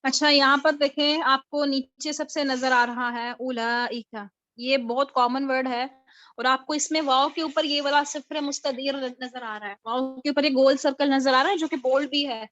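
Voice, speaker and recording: A woman's voice: high voice, fairly even intonation, fairly bright tone, no echo. A woman teaching a live online recitation class, explaining step by step and answering her own questions. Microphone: video call. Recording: dull lo-fi video call audio.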